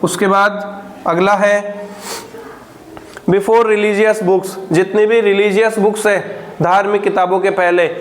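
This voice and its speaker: A man teaching a grammar lesson, dictating examples slowly and answering his own questions. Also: sits high, level tone, slight background noise.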